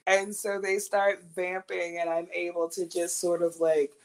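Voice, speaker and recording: A woman, a guest recording artist, telling animated stories in a casual interview and laughing often. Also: fairly low pitch, measured pace.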